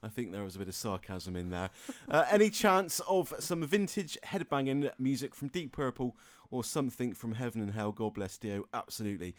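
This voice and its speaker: Chatty radio host, dry studio sound. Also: male voice, mid-range voice, animated, brisk, hardly any pauses, no room sound. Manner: rambling, jokey, laughs often. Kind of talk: casual on-air chat and announcements. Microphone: studio microphone.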